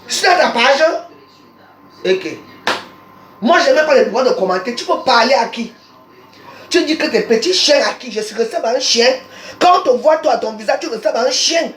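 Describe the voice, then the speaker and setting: Live on social media, a Cameroonian woman with a Cameroonian French accent angrily rants, combative and hurling insults over and over. Her voice sits high and fairly bright, with lively intonation at a moderate pace. The phone recording has a roomy echo and slight background noise.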